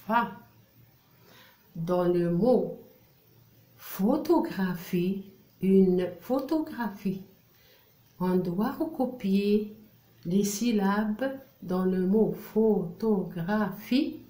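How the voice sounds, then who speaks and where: A woman teacher, slowly drilling French syllables for young children and repeating each one. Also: medium pitch, mellow. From Algeria. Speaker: primary school French teacher. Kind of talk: reading lesson for young children. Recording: roomy echo.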